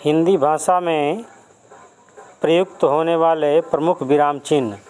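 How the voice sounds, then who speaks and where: A man's voice: a little high, steady tone, unhurried, a little mellow, clear, resonant tone, poor audio. A man teaching a grammar lesson to schoolchildren, explaining definitions and examples carefully and speaking to the pupils directly.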